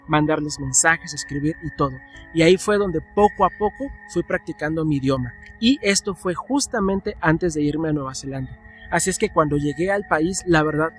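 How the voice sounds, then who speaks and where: A young Mexican man with a Mexican accent, telling stories in a casual vlog and acting out his own past conversations. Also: on the high side. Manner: chatty, animated, acts out his own past dialogue. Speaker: vlogger.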